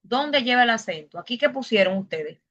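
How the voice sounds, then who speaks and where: A woman's voice: a little high, expressive, brisk, fairly bright tone, highs cut off. A woman teacher leading an online class, patiently asking questions and explaining step by step.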